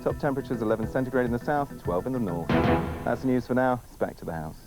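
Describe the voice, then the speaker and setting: A man's voice: mid-range voice, expressive, fast talker. A man reading a scripted news and weather bulletin as a newsreader. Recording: very loud music bed. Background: loud music with percussion.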